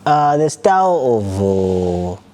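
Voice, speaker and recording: A man's voice: fairly low pitch, big pitch swings, slow, warm tone. A man with a Zambian accent, a music video director giving casual interview answers, mixing in local-language phrases.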